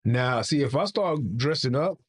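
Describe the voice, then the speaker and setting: A man's voice: mid-range voice, animated, normal speed. A man hosting a casual tech livestream, rambling and playful and often restarting his sentences. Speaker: livestream host.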